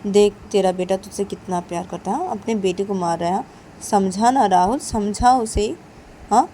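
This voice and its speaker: A woman voicing a sharp-tongued young woman who scolds her family in a loud, crying-out way. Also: medium pitch, moderate pace, slight background noise, close to an everyday voice. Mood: chiding.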